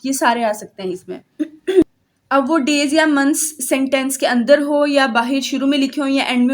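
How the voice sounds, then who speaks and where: A woman teaching a grammar lesson for exam prep, explaining step by step and often checking in with her students. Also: sits high. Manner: reads English rule headings slowly.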